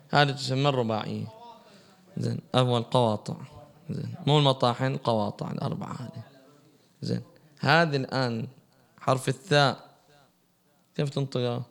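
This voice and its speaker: Gravelly man teaching religion. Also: medium pitch. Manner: asks the audience questions and answers them. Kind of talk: religious lesson to a class.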